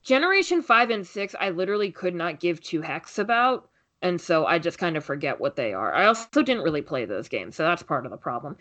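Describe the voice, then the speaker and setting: A woman's voice: lowish voice, very animated, fairly quick, few pauses, fairly bright tone. A young woman guesting on a casual podcast chat, teasing and sarcastic in a playful, grumbling way.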